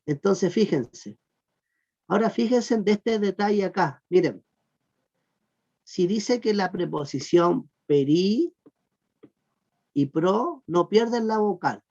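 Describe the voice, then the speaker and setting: A teacher giving an online class on Greek verb grammar, patiently repeating "look" and asking the class whether it is clear. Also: mid-range voice, a little mellow. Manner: patient, repeats "miren" and "fíjense" often; asks the class check questions. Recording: muffled lo-fi recording.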